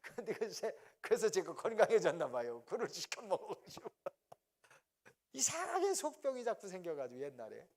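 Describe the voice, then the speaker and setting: A middle-aged male pastor preaching a sermon, telling family stories with laughter and acting out his parents' voices. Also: sits high. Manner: storytelling, acts out parents' voices, laughs often.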